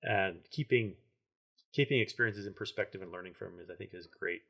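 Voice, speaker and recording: A man hosts a podcast conversation with a lowish voice. He speaks reflectively and measuredly, padding his questions with small fillers. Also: fairly quick, gravelly, fairly bright tone, husky. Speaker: podcast host.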